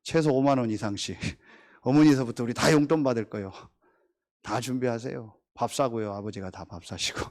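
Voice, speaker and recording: A middle-aged man preaching a sermon as pastor, swinging between emphatic, drawn-out declarations and chatty, joking asides about his family. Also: medium pitch. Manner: animated, emphatic preaching with drawn-out stressed phrases.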